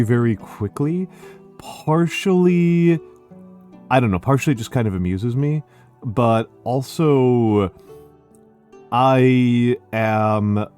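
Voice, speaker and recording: A man with a Northeastern American accent chatting as a livestream host in a smooth, measured public-speaker or teacher voice, often halting and repeating his phrases. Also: mid-range voice, mellow. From Northeastern United States. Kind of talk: casual livestream chat. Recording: music behind the voice. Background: music.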